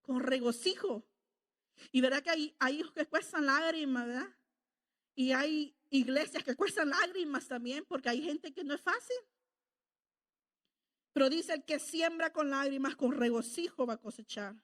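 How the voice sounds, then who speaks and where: A woman's voice: sits high, moderate pace, fairly bright tone. A middle-aged woman preaching a sermon in a conversational way, often checking in with the congregation. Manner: conversational, asks the congregation "¿verdad?".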